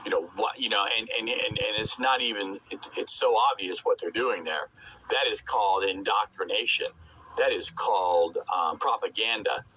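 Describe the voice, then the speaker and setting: A man talks over CB radio in a very bright, forceful voice, with slightly dull, noisy sound. He rambles through his opinions emphatically and swears coarsely. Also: fairly low pitch, moderate pace. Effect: CB radio transmission. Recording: muffled noisy CB radio transmission.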